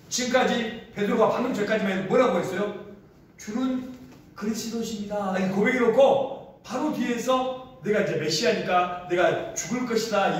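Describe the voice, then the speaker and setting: A man with a high voice preaches a sermon, asking his congregation questions and acting out the lines he quotes. His voice comes from well off the mic and rings through a very reverberant hall. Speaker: pastor. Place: large echoey hall used for a church service. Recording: very echoey room, voice from far off the mic.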